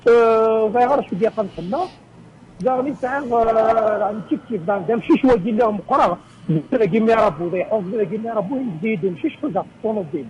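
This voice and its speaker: A man phoning in to a radio show, telling a rambling story with many pauses and fillers. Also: sits high, muffled recording, a little hiss or hum. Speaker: caller. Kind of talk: phone call to a radio show.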